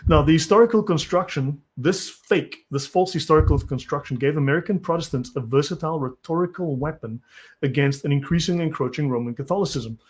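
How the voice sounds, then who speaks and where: Speaking briskly in a voice on the high side, a South African man hosts a live stream. He reads from articles and fires back at chat comments with blunt impatience.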